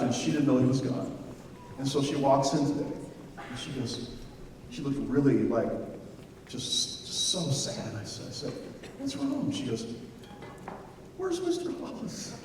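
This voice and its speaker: A man's voice: medium pitch, a little hiss or hum. A man, a school band director, announcing students at a concert in a teasing, joking way. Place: large indoor hall with an audience. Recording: echoey hall, distant mic, loud crowd.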